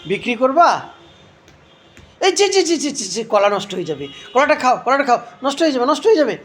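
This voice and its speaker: A woman playing with her toddler at home, asking simple questions again and again and gently scolding with tutting sounds. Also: high voice, expressive, racing. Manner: repeats simple questions over and over. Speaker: parent filming her toddler. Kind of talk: playful coaxing talk to a toddler.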